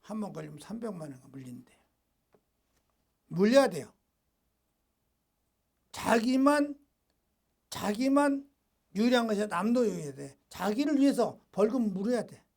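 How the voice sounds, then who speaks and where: A man preaching a sermon as a pastor. He switches between reading a devotional text and blunt, scolding asides in rough everyday speech. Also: high-pitched, very animated, measured pace, long pauses, a little mellow. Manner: informal, rough-edged colloquial talk.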